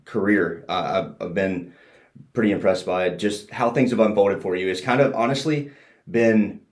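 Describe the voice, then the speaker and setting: A podcast host interviews his guest in a chatty, friendly way, keeping things casual. He has a lowish voice and a moderate pace, and the recording has a roomy echo.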